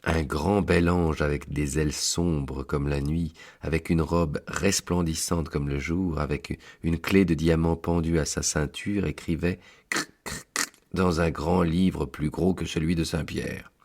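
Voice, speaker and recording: A male storyteller reading a classic tale aloud in a deliberate, measured way. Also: rumbling low, steady tone, darkish tone. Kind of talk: audiobook narration of a classic tale.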